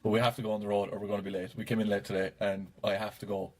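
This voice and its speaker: An Irish man co-hosting a podcast, chatting casually with teasing, joking banter. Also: fairly low pitch. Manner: animated, teasing banter, quick to laugh. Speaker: podcast co-host. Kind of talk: casual chat.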